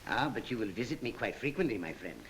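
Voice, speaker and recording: An actor playing a gracious, ceremonious host with courtly formal speech in a 1930s comedy film. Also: male voice, lowish voice, very animated, fast, background noise.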